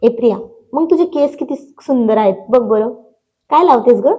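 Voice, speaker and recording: A woman's voice: on the high side, lively intonation, normal speed, muffled recording, close to an everyday voice. Teasing young man, as a woman narrator voices him. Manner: teasing, coaxing.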